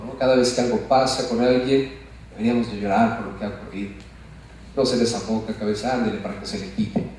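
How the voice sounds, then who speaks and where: A man's voice: mid-range voice, darkish tone. A pastor preaching a sermon and asking his congregation questions. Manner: asks the congregation questions, calls them brothers. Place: church. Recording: echoey church sound from far off.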